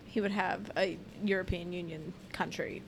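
A woman co-hosting a casual chat, reacting to news with quick quips and playful questions. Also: lowish voice, fairly even intonation, gravelly, noisy background. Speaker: co-host.

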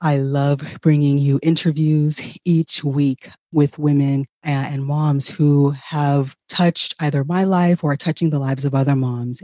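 A woman's voice: very deep voice, dark tone, no echo. A woman from Ghana, a nurse practitioner, hosting a parenting podcast and introducing her guest in an upbeat, encouraging way.

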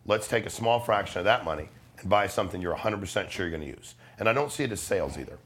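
This middle-aged life insurance salesman, a podcast guest, is a fast talker whose low-pitched voice is expressive, a bit bright, and slightly rough. His casual, persuasive delivery is blunt and emphatic, complete with slang and curse words.

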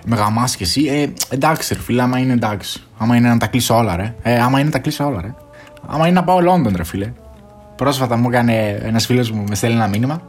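A young man hosts his own podcast in a medium-pitched voice, with faint music playing behind him. His casual solo chat is slangy and animated, peppered with English phrases and plenty of swearing.

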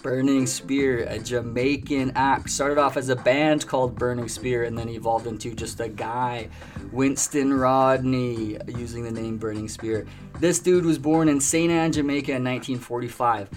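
A man's voice: medium pitch, fairly even intonation, normal speed. A man hosting a music show in a laid-back, chatty way, laughing often as he talks about records. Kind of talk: casual chat. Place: treehouse restaurant and bar. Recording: music clearly behind the voice.

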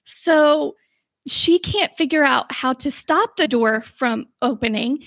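A woman's voice: sits high, slow, fairly bright tone, no echo. A woman co-hosting a casual chat show, a rambling storyteller who goes off on tangents, recorded with a dull, slightly lo-fi sound. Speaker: podcast co-host.

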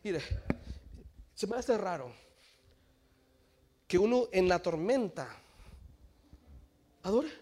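A male pastor preaching a sermon, swinging between low quiet passages and shouted climaxes, acting out quoted dialogue, with frequent restarts on words. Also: expressive, slow, pauses often. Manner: stumbles and restarts on words, switches briefly to English.

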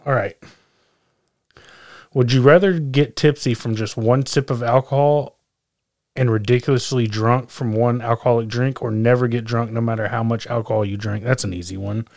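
A man co-hosting a podcast, chatting casually in a relaxed way with plenty of fillers. His voice sits at an ordinary pitch and sounds dry, with no room echo. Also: moderate pace. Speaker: podcast co-host. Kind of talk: casual chat.

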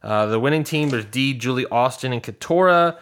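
A man's voice: mid-range voice, fairly quick, fairly bright tone, smooth. A man co-hosting a casual podcast chat who talks in a playful, teasing way. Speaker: podcast co-host.

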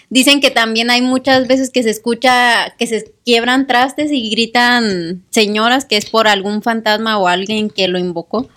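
A woman with a high voice tells a story in easy podcast conversation. She is animated, slips into the voices of her family and laughs often. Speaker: podcast co-host telling a story. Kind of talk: casual storytelling.

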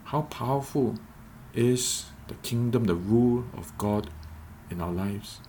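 A man giving a reflective devotional podcast talk as a preacher, measured and repeating phrases for emphasis. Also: mid-range voice, dark tone, a little hiss or hum.

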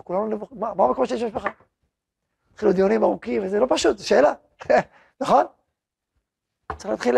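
A fairly high-pitched man with an Israeli accent, gravelly and husky, teaching an informal religious class. He acts out both voices of short exchanges and asks the room questions as he goes. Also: darkish tone. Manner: acts out both sides of dialogues, talks to the room. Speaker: yeshiva rabbi teaching a class. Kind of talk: informal Torah lesson to students.

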